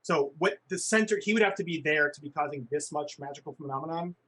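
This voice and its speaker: Man running a tabletop game, high voice, halting delivery. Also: fairly bright tone. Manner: halting, many restarts. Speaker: game master.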